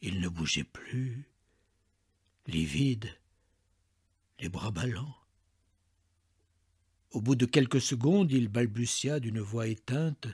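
Slow, expressive male story reader. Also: medium pitch, husky. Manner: dramatic, expressive narration. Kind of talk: literary reading of a short story.

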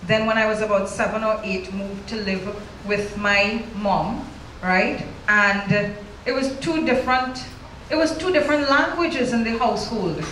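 A middle-aged author from Trinidad and Tobago, with a Trinidadian accent, speaks candidly into a handheld mic during a live onstage conversation before a large audience, often closing her lines with "right?". Her mid-range voice is unhurried and a bit bright, and the hall sounds roomy with faint noise.

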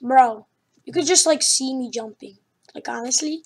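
A young woman hosting a gaming video, chatting casually and exclaiming loudly with lots of slang while she plays. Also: high-pitched, normal speed, slightly rough. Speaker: gaming channel host. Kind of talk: excited casual gameplay chat.

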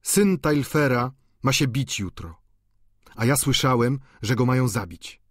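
A man's voice: mid-range voice, lively intonation, unhurried, no echo, clean studio sound. A man reading an audiobook, voicing an earnest young student who speaks in a raised, urgent voice. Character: earnest young male student, eager and anxious.

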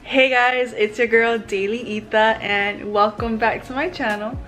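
A woman's voice: on the high side, steady tone, unhurried, fairly bright tone, faint music behind, low-quality recording. Casual young woman vlogging. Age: 20s. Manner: informal, slangy, emphatic repetition. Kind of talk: casual chat to camera. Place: small plain room indoors. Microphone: camera at arm's length.

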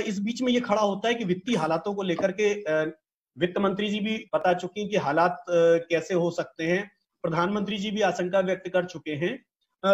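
A man's voice: high voice, lo-fi sound. A man in his thirties interviewing a guest over a video call, asking polite, long-winded questions full of fillers. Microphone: video call with earphones.

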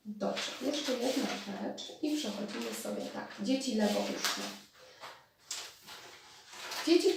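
A woman explaining therapy methods in a spoken lecture, pausing and restarting as she thinks. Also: a little high, vocal fry, dark tone, slight background noise. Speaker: speech therapist. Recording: distant mic in very echoey room.

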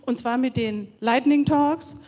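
A woman presents a conference program in a relaxed, self-correcting way. Her voice rings with long reverb through a large hall, and the sound is dull and lo-fi. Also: sits high, unhurried. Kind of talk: conference moderation. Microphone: handheld microphone.

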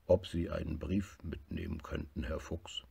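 A man voicing a slow, gruff little male bear in a storybook reading, low and often half-whispered, with a gravelly, husky voice. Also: very animated, mellow, exaggerated voice. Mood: gentle.

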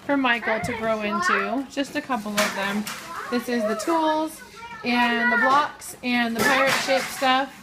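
High-voiced mom filming her kids. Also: unhurried, poor audio. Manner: upbeat, coaxing and correcting young kids. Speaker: mother and family vlogger. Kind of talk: casual family vlog narration. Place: family home indoors at dinnertime. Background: piano music.

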